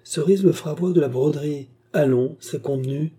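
A man voicing a gentle, affectionate young woman who is firm about what she wants, in an audiobook. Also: on the high side, fairly quick, breathy edge, voice pushed up. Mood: affectionate, insistent. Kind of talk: audiobook character voice.

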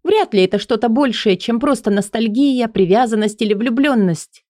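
A woman voicing a torn young woman in an audiobook, speaking high and breathless as she pleads. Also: expressive, normal speed, warm tone, dry recording, clean studio sound, natural voice. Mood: tender pleading.

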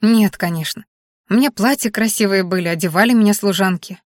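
A woman reading a first-person audiobook narration in a soft, reflective storytelling manner. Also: medium pitch, brisk, no echo, studio quality.

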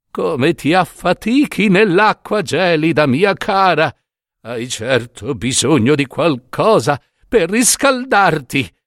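A man's voice: on the high side, no echo, studio quality, heavily acted. A man voicing a gossipy old woman who fusses over a friend in a storybook reading. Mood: coaxing.

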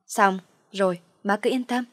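A woman voicing a scheming young daughter who talks softly and pretends to be innocent. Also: medium pitch, normal speed, dry recording, clean studio sound, lightly acted. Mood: meek. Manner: soft, pleading, feigned meekness.

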